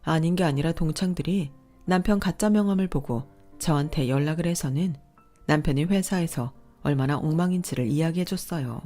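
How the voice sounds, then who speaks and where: A young adult woman narrating a story in a calm, recounting manner. Her voice is slightly low for a woman, and faint music plays behind. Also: a little fast. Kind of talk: scripted narration.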